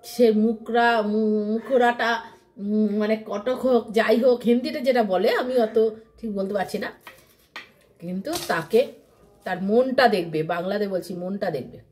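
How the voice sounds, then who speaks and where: A woman's voice: on the high side, normal speed, a little mellow. A woman vlogger chatting casually to her followers from home, rambling and repeating herself, often mimicking how other people talk.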